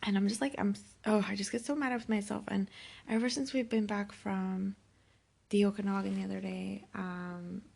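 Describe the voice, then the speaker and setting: Woman in her thirties, hungover and sick, heavy gravelly vocal fry, husky, weary halting confessional vlog talk. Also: mid-range voice, steady tone, a little mellow. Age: 30s. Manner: weary, self-reproachful, halting. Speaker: vlogger. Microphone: phone held by herself.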